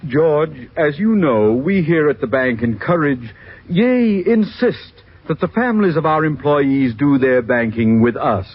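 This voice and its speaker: A man's voice: fairly high pitch, lively intonation, a little slow. An actor playing a pompous older male bank president in a 1950s radio comedy, blustering and condescending. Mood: exasperated. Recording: dull old 1950s radio recording.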